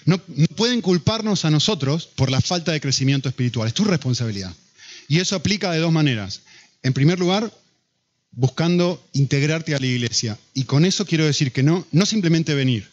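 Animated Argentine pastor preaching, husky voice. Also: male voice, a little high, a little fast. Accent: Argentine Spanish. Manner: animated, rhetorical questions to the congregation. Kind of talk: sermon. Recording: dull lo-fi recording.

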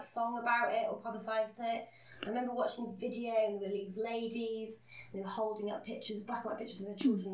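A woman tells a story in an earnest, casual way and laughs at her own slips. Her voice carries a roomy echo. She sits a little back from the microphone. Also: mid-range voice. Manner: earnest, self-deprecating, laughs at herself. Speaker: podcast co-host. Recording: roomy, a bit distant from the mic.

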